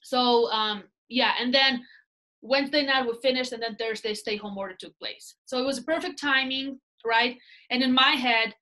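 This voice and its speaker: Despite poor audio, you can hear a Russian-accented woman in her thirties, a real estate team leader, talking about her work at a moderate pace in a fairly high voice. She's a guest in a casual interview chat, animated and storytelling, gesturing and often asking "right?" She's on a laptop webcam video call in a small indoor room.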